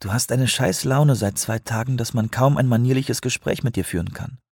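A man's voice: mid-range voice, moderate pace, vocal fry, darkish tone, husky, no echo, clean studio sound, voice pushed up. A man reading an audiobook voices a young woman researcher who is blunt and teasing, raising his voice for her. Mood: scolding.

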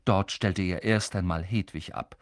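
A man reading a children's fantasy novel aloud as a lively, dramatic audiobook narrator. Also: low-pitched, a little slow, no echo, studio quality. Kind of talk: scripted narration.

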